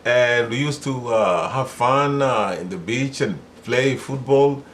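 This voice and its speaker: A Kenyan man in his sixties, answering his daughter's questions in a casual family interview, pausing often with "uh" between his words. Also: mid-range voice, a bit bright, slight background noise. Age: 60s. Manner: hesitant, many pauses and "uh" fillers. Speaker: interviewee, father.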